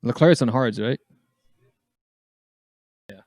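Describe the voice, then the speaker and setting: A man's voice: mid-range voice, slow pace, a little mellow, no echo, clean studio sound. Jokey man calling race action. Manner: jokey, calls the action on screen. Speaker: podcast co-host. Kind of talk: casual race-watching chat.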